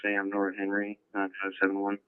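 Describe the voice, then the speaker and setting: A man's voice: fairly low pitch, fairly quick, smooth. A male police officer making terse, businesslike call-ins over a police radio transmission. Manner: clipped, flat, businesslike. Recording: tinny narrow-band police radio.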